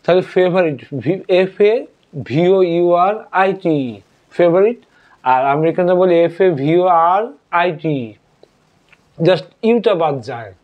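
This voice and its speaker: Man teaching English vocabulary slowly. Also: sits high, lively intonation. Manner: spells words letter by letter, repeats slowly. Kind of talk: spoken vocabulary lesson. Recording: dull lo-fi audio.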